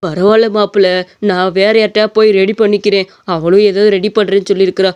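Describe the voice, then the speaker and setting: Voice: medium pitch, level tone, fast, a little mellow, clean tone, highs cut off, natural voice. A voice actor with a Tamil accent playing a worried older father in a cartoon story, weary and pleading. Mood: humble.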